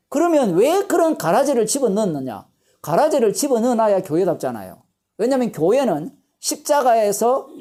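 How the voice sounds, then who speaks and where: Here a woman pastor preaches a Bible lecture, lively and forceful, raising rhetorical questions only to answer them on her own. Her pitch is medium.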